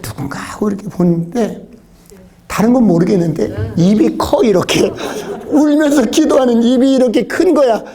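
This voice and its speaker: A man preaching a revival sermon, telling his testimony with emotion and often dropping to a hushed whisper. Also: extremely high pitch, normal speed. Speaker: pastor.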